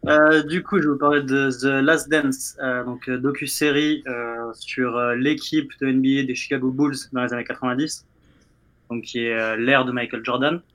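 Give me a casual, mid-pitched man. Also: fairly even intonation, normal speed, a bit bright. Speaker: show columnist. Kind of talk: casual live presentation.

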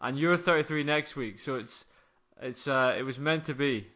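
A man's voice: mid-range voice, normal speed, bright, forceful tone, dull audio. A man in his thirties chatting casually about sport as a podcast co-host. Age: 30s.

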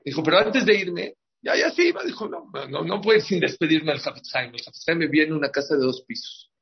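A man's voice: a little high, fast talker, vocal fry. A man gives a sermon as a rabbi, acting out the dialogue of his stories with animation. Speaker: rabbi giving a talk. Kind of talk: storytelling sermon. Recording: dull lo-fi recording.

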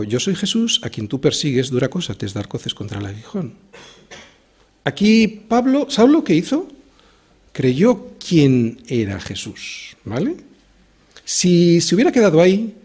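A man's voice: fairly high pitch, warm tone, slightly rough. A male pastor preaching a sermon in a church, reading scripture and asking the congregation questions.

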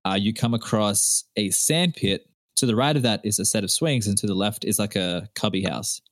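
A man's voice: lowish voice, normal speed, no room sound, clean studio sound. A man running a tabletop role-playing game as game master, telling the scene descriptively in a casual way. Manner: descriptive storytelling, casual asides.

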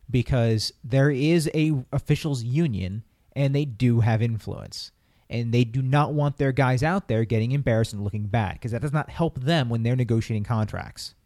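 A man's voice: medium pitch, darkish tone, no room sound, clean studio sound. A man co-hosting a casual sports talk podcast, earnest and opinionated, often restarting his sentences. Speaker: podcast co-host.

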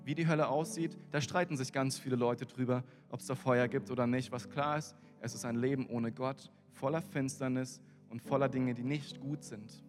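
German-speaking preacher in an echoey hall. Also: male voice, medium pitch, fairly even intonation, moderate pace, few pauses. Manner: earnest, conversational, addresses listeners directly. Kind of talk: sermon. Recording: echoey hall with music behind.

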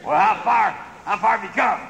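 A man's voice: high voice, fairly quick, vocal fry, fairly bright tone, reverberant, in a large hall, dull audio. An actor playing a cranky, folksy country gas station man, heard over a CB radio. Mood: wry. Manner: folksy, drawling country talk. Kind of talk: comic radio drama acting.

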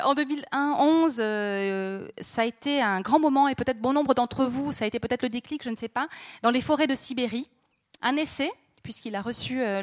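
A woman's voice: fairly high pitch, dry recording, studio quality. A woman hosting a live author event, introducing her guest with many hesitations and restarts. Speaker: event host. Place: venue with an audience. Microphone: handheld mic.

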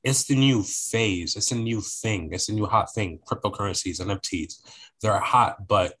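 A man's voice: on the low side, moderate pace, a bit bright, husky, low-quality recording. A young man talking casually on a podcast, rambling and repeating phrases as he searches for words.

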